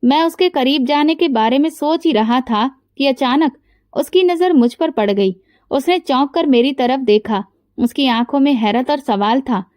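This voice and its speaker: Woman storyteller, high voice, dry close sound, steady emotional narration. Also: normal speed, dry recording. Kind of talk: scripted first-person story narration.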